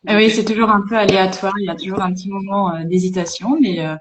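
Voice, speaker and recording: A woman hosting a casual live interview over a video call, chatty and relaxed, with fillers. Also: mid-range voice, fast, background noise. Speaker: host.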